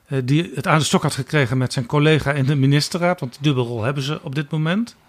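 Male co-host, slightly high voice, measured and explanatory political talk. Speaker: podcast co-host. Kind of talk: political analysis chat.

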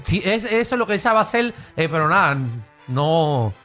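Lively high-voiced Puerto Rican man. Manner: animated, joking, repeats phone numbers slowly. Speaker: radio host. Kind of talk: playful radio banter. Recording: faint music bed in studio.

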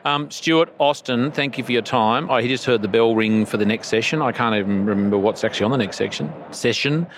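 A man with a medium-pitched voice talks fairly quickly and barely pauses. He's an Australian podcast host doing a casual, jokey interview at a conference, chatting in a slangy, laid-back blokey way like an Aussie tradie. It's recorded outside the venue, with faint outdoor event noise in the background.

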